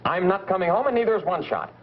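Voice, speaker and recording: An American actor playing a brisk, sly newspaper reporter in a 1940s B-movie style. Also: male voice, sits high, expressive. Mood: insistent. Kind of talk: 1940s B-movie film acting. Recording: muffled, noisy vintage film soundtrack.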